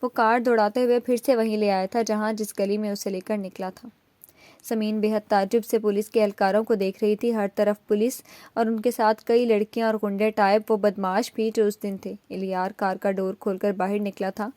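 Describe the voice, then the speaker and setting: A woman reading a romance novel aloud as an audiobook narrator, in a steady storytelling manner. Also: medium pitch, dry recording.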